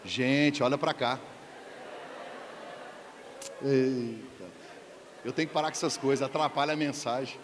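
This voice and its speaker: A man's voice: mid-range voice, fairly even intonation, fast, few pauses. A man preaching a humorous sermon, joking and questioning the congregation. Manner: playful, jokes and asks the congregation questions. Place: church hall. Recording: church hall reverb, faint background noise.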